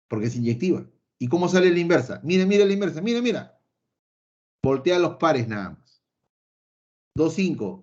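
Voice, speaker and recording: A man's voice: fairly high pitch, darkish tone. A man teaching a math lesson, repeating key points emphatically and speaking straight to his students. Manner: playfully voices an imagined student answering him; repetitive, emphatic, addresses students directly. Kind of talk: recorded online math lesson. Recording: slightly dull lo-fi recording.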